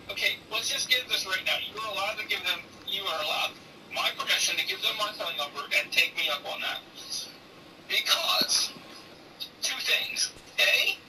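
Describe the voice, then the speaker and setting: A woman's voice: lowish voice, recorded from a distance, background noise. A woman in her forties chatting casually while streaming a game, blunt and profane and teasing, turning preachy when she talks about faith. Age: 40s. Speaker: gaming streamer.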